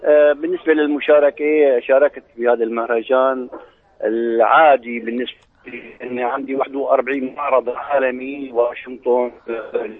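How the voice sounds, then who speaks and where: A man's voice: mid-range voice, fairly even intonation, brisk. A man with a Syrian Arabic accent, a craftsman, answering in a live radio interview over a muffled line. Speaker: brocade craftsman being interviewed.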